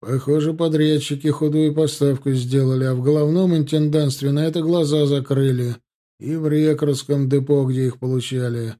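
A man's voice: fairly high pitch, steady tone, normal speed, warm tone, close to an everyday voice. A man voicing a firm squadron commander. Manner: firm, decisive instructions.

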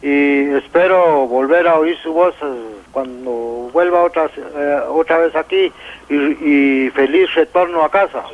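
A man's voice: a little high, unhurried. A man in his fifties with a Guatemalan accent calls in to a radio show, speaking politely and hesitantly. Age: 50s. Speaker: caller. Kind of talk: phone-in chat. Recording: phone-like radio line.

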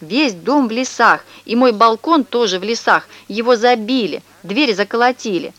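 A woman voicing a fussy, high-strung middle-aged neighbor who fusses over her dog, in a shrill, squealing voice, for an audiobook. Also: lively intonation, brisk, dry recording, lightly acted. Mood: indignant. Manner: indignant, high-strung, scolding. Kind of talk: audiobook character reading.

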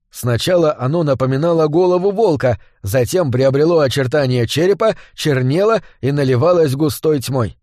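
A man reading a story aloud as an audiobook narrator, in a steady storytelling voice on a close mic. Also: fairly high pitch, no room sound.

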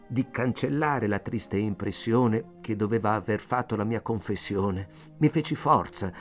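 Slow, measured male audiobook narrator. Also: medium pitch, a little mellow. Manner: measured, intense first-person storytelling. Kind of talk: scripted literary narration.

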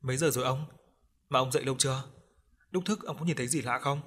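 Man voicing a gentle devout grandmother. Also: medium pitch, quick pace, breathy edge. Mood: anxious. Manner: soft coaxing, polite.

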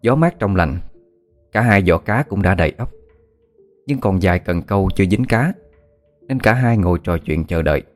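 A man narrating a scripted ghost story in a steady, even storytelling manner. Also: low-pitched, moderate pace, long pauses. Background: faint music.

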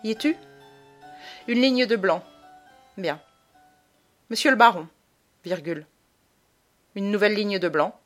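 A woman's voice: medium pitch, voice pushed up. Woman voicing a stern, cold mother. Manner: curt, commanding, dictating. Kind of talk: audiobook character voice.

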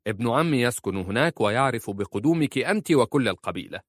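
A man's voice: lowish voice, expressive, brisk, a bit bright, no echo, clean studio sound. A man voicing a stern, impatient husband who gives curt orders. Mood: commanding. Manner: curt and commanding.

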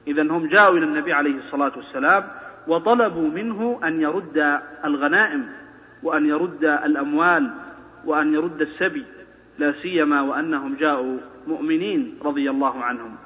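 Preacher in an echoey hall, phone-thin. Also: male voice, on the high side, quick pace, narrow, tinny audio. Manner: poses rhetorical questions, rising emphasis. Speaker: sheikh lecturing on the Prophet's biography. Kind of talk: religious lesson.

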